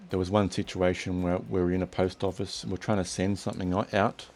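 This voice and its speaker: A young man hosting a casual chat, relaxed and rambling with restarts. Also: deep voice, fast talker. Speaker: host.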